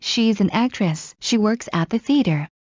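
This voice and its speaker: A woman reading scripted English practice dialogues in a slow, clear drill delivery. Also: medium pitch, expressive, a little mellow, no room sound. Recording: muffled lo-fi recording.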